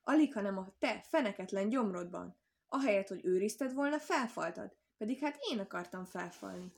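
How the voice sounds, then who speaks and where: A woman's voice: medium pitch, expressive, gravelly, darkish tone. A woman storyteller voicing a sly, scheming male fox who mocks and blusters at the others. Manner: mocking, blustering.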